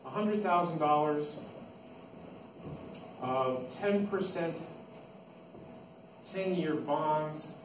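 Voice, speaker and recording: A man instructing an accounting class speaks with a fairly high pitch, drawing out his words and leaving long pauses. His informal lecture moves step by step and restates the key points. The distant microphone catches plenty of echo and room noise.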